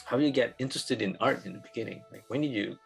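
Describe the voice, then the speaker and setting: A man's voice: medium pitch, fast, vocal fry, soft background music, rough recording. A man hosting a casual interview, friendly, laughing often and repeating himself as he talks. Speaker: interview host.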